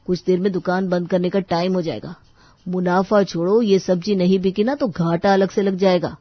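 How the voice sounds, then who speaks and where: A woman's voice: on the low side, fairly even intonation, normal speed, dry recording, lightly acted. A woman voicing a worried, grumbling young husband who runs a tea stall in a cartoon, scolding his wife. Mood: gloomy. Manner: scolding, complaining. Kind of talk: cartoon voice acting. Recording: dull dry studio voice-over.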